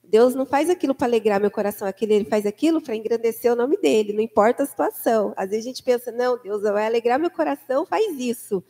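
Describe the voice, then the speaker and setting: A woman's voice: fairly high pitch, fast talker, few pauses, mellow. A young adult woman giving a church testimony as a mother, telling her story with animation and acting out the voices of others. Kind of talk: personal testimony in conversation. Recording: long reverb of a large hall.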